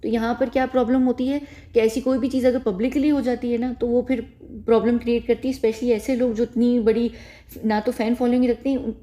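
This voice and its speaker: Woman vlogger, casual rambling delivery, warm dark tone, often restarts sentences. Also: a little high, flat delivery, fairly quick. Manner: rambling, repeats phrases, frequent self-corrections. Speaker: YouTube commentator. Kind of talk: casual spoken commentary to camera.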